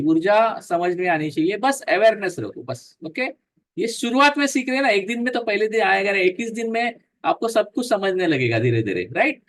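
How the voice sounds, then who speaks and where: A man's voice: high-pitched, a bit bright. A man leading a guided breathing yoga class, counting breaths aloud, mixing Hindi and English, joking and encouraging.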